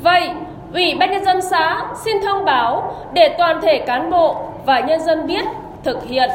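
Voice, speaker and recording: A woman reading a formal, measured official announcement as a commune radio announcer over a public loudspeaker. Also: very high-pitched. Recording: echoey loudspeaker, long reverb, background noise.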